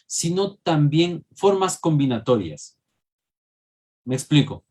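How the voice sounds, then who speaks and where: A husky-voiced man. He lectures a classroom in an engaging way, often tagging his points with a quick question to the students. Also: a little high, a little mellow. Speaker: teacher.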